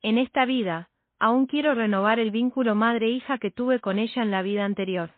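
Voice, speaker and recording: A woman narrating a first-person romance story in a steady, measured way. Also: a little high, dry recording. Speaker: audiobook narrator. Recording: dry, tinny phone-like sound.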